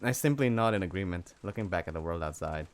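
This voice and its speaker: A man's voice: low-pitched, expressive, fast. A man playing through a visual novel and reading its lines aloud in a playful, jokey manner. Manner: playful, jokey, breaks into loud yells. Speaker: let's play gamer.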